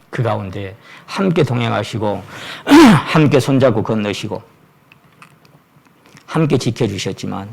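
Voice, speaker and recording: Korean pastor preaching with emphatic rises. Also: male voice, very animated, slow pace, gravelly, long pauses, husky. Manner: reads scripture aloud, asks the congregation questions; emphatic, pitch rises sharply on stressed phrases. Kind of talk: sermon.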